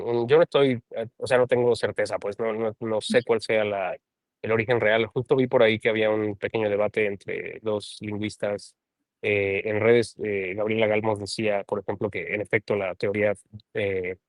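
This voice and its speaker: A Mexican man with a lowish voice talks as a guest in a casual conversation. He thinks aloud, qualifies his ideas and often tags his sentences with a soft question. The sound is dry and close. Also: steady tone, moderate pace, no echo. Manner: thoughtful, hedging, often adds a questioning tag. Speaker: translator and guest.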